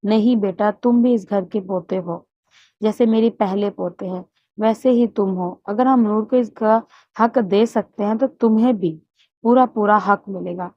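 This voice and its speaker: A woman's voice: medium pitch, dry recording, close to an everyday voice. A woman voicing a stern, loving old grandfather who heads the family, with a commanding manner in a dull, muffled recording. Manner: commanding, scolding, then tender.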